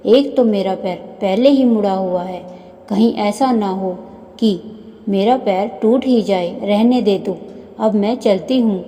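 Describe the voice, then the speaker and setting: A loud, complaining middle-aged neighbor woman from a storybook tale, as a woman narrator puts her on. She speaks slowly, with a mellow, dark tone. Long reverb trails each line. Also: mid-range voice, natural voice.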